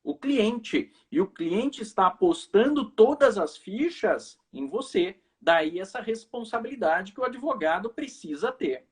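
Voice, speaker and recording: Um professor de direito brasileiro apresentando uma live, falando de forma pausada e cortês. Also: male voice, high-pitched, expressive, husky. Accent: Brazilian. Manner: measured, courteous. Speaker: host, law professor. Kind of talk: live video chat. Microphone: video call.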